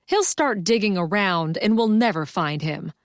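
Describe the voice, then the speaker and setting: A woman voicing a brisk, take-charge female library boss in a cozy mystery audiobook, directing others with urgency. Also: fairly low pitch, expressive, no room sound, clean studio sound. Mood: urgent.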